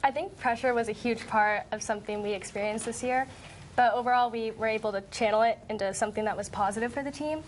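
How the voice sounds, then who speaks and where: Teen girl in a casual sports interview, highish voice, some noise. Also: fast. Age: teens. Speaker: student athlete being interviewed.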